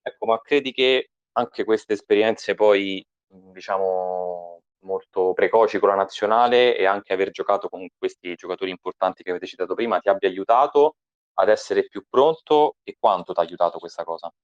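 Guy calling in on a dull lo-fi line, low smooth voice, dry sound, asks his questions politely and slowly. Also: no room sound. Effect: remote caller over a dull, lo-fi line. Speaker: guest interviewer calling in. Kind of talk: interview questions.

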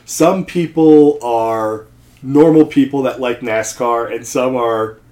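A man's voice: mid-range voice, slow, warm tone. A man chatting casually as a guest, his delivery dry and self-deprecating, often circling back to restart a thought. His voice sits mid-range, and the room around him rings with a noticeable echo. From New Jersey. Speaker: podcast guest, seminary student and accountant. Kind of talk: casual chat. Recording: echoey room.

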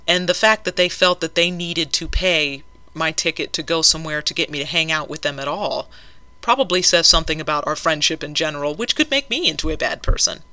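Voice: mid-range voice, fairly quick, bright, forceful tone, no echo. A podcast co-host in casual conversation, thinking aloud with a playful, joking manner.

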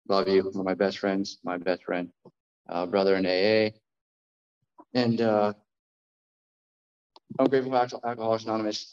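A deep-voiced American man talks in front of an audience, giving personal testimony. His delivery stays fairly flat and unadorned, with halting phrases. The recording is dull and lo-fi. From New Jersey, United States. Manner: addressing a live group, plainspoken, halting. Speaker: speaker at a recovery meeting.

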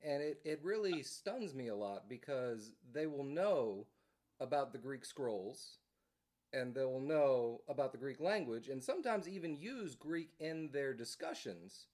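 A man's voice: mid-range voice, expressive, a little slow, darkish tone. A man hosting a casual conversation who agrees easily and keeps the talk moving. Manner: easygoing, agreeable, frequent backchannel.

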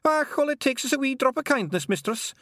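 A man's voice: very high voice, animated, fairly quick, fairly bright tone, no echo, studio quality, voice pushed up. A man voicing a tiny, shy, polite pixie man in a kilt, speaking with a Scottish accent and deferring to his mistress. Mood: chatty. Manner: hesitant, deferential.

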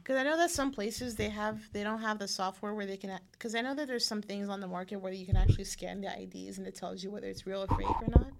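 Female co-host, mid pitch, gravelly fry, relaxed and chatty, faint noise on the track. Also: quick pace, few pauses. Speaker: podcast co-host, server. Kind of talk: casual chat.

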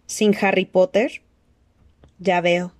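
A cold, frail dark lord who hisses his threats slowly and softly, as a woman puts him on. His tone sits dark and mellow, recorded close and dry with no room around it, in a storybook reading. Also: fairly low pitch, little pitch movement, dry recording. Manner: slow hissing soft threats. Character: cold menacing weak dark-lord man.

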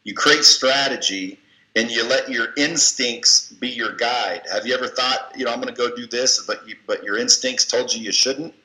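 In an echoey room, a male interview guest with a medium-pitched, pushed and bright voice speaks at normal speed. He hands out blunt, folksy coaching advice, casually cursing as he motivates in conversation.

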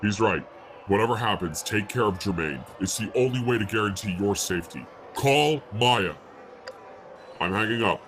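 A man playing a grave, deep-voiced informant. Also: expressive, normal speed, fairly bright tone, a little hiss or hum. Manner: terse, solemn warnings. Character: mysterious male informant on the phone, grave and commanding.

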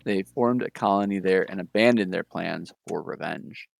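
A man with a low, gravelly voice walks through comic lore in an easygoing, rambling way, filling pauses with ums. The sound is dry and close, with no room around it. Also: dry recording. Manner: relaxed retelling with frequent ums and chuckles. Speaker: podcast host. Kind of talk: casual comic book recap.

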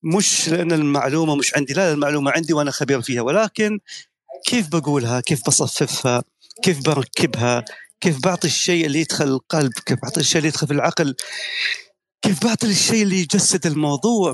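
A man's voice: a little high, rapid-fire. A middle-aged man speaks as a guest media professional in a talk on an audio chat room. He lectures persuasively and tells anecdotes.

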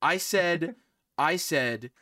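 A man hosting a casual podcast with friends, telling a story in animated, mock-exasperated bursts. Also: fairly high pitch, drawn-out words, dry recording, clean studio sound. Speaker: podcast host. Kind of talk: casual chat among friends.

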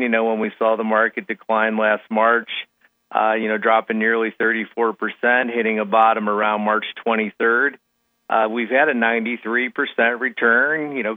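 A man's voice: mid-range voice, dry recording. Phone-line man giving market commentary. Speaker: financial market analyst guest on a radio show. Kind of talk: market commentary, conversational radio talk. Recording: tinny, narrow phone-like line.

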